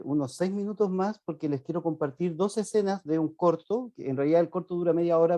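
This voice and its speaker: A man's voice: on the high side, dark tone, no echo. A man lecturing on art history, explaining images and addressing his audience directly. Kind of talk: online art history talk.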